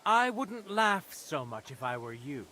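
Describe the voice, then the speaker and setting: Game role: a pompous noble judge, lively high-set voice, slow deliberate delivery. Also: male voice, a little hiss or hum, full character voice. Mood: imperious. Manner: pompous, imperious, contemptuous. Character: haughty noble judge, lord presiding over trial.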